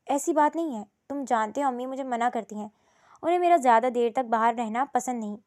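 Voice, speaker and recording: A woman voicing a gentle young daughter who coaxes and pleads softly in a storybook reading. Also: fairly high pitch, dry recording, studio quality, close to an everyday voice. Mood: pleading.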